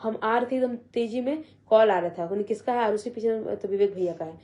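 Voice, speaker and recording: Young woman, mellow dark tone, soft halting personal vlog storytelling. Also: fairly high pitch, lo-fi sound. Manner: soft, halting retelling with many quoted voices. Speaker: vlogger.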